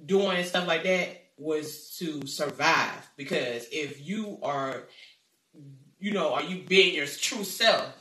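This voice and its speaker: A man's voice: a little high, slow pace, pushed and bright, far from the mic. A man making points in a casual group discussion. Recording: echoey room, away from mic.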